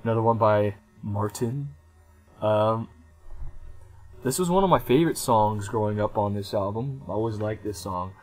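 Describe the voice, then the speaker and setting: A young man in his twenties talks through an album review in a loose, unscripted way. His voice sits a bit low, and he pauses often with ums and restarts his sentences. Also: darkish tone, faint music behind. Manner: rambling, hesitant with many ums. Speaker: music reviewer. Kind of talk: casual album review vlog.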